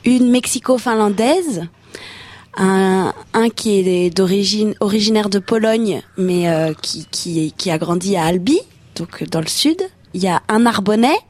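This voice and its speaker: A woman's voice: mid-range voice, a little slow, a little mellow. A woman from Haute-Savoie, a member of a circus company, speaking in a friendly, matter-of-fact way in a casual radio interview. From Haute-Savoie, France.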